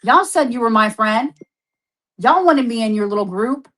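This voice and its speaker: A woman's voice: a little high, a little fast, fairly bright tone. A woman in a confrontational, sweary argument on a live stream, repeating words for emphasis.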